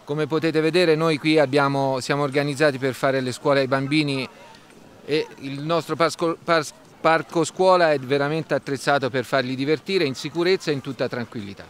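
A man's voice: on the high side, steady tone, moderate pace. A middle-aged man, a ski school director, speaking in a friendly, inviting way outdoors on a ski slope. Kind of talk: outdoor interview.

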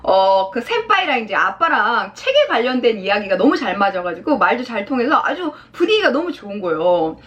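Lively woman teacher, high voice, swooping intonation, acts out dialogue playfully. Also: fairly quick, hardly any pauses, lo-fi sound. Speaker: Japanese teacher. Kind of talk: explaining a drama clip to learners.

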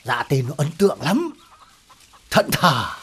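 A man's voice: fairly high pitch, huge pitch swings, slow, a bit bright, a little hiss or hum, full character voice. An actor playing a fawning young village man who gives a tip over the phone, eager and obsequious. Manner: obsequious, keeps saying "dạ".

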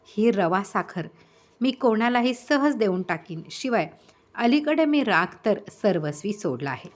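A woman reading the lines of a simple-hearted elderly man, speaking earnestly in a lively storytelling reading. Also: high voice, a little slow.

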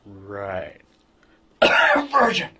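A man's voice: fairly low pitch, wildly swooping pitch, very slow, sharp tone, husky, full character voice. A man playing a nervous ad designer who stammers and restarts when flustered. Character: nervous young male ad designer.

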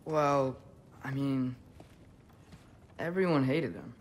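A man's voice: medium pitch, slight background noise. A young man playing Atreus, an earnest, nervous teenage boy hero in a video game, speaking hesitantly. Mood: nervous, evasive. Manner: hesitant, halting.

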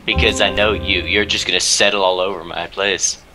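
Over soft background music, a young gamer talks through his headset with earphones during an online multiplayer strategy match, joking, teasing and cursing casually. His voice sits low, steady and sharp, at normal speed.

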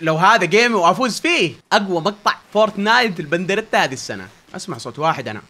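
A young man gives rapid-fire commentary on his own game, his voice sitting very high and bright. He swings from frantic pleading and yelling to low, muttered asides, with lively, jumping pitch. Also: a little hiss or hum. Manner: yelling and pleading in tense moments, muttering when calm. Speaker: gaming YouTuber. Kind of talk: excited gameplay commentary.

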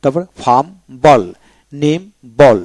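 A man teaching English pronunciation, spelling out each word letter by letter and then repeating it slowly twice. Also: a little high, a little mellow. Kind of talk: slow spelled-out pronunciation drill.

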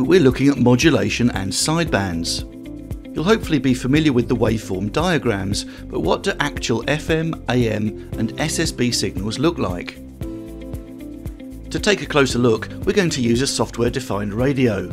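A man giving a friendly, step-by-step tutorial on amateur radio. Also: mid-range voice. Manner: plain, friendly step-by-step explaining, speaking test counts on air. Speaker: amateur radio course instructor. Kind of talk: explanatory tutorial narration.

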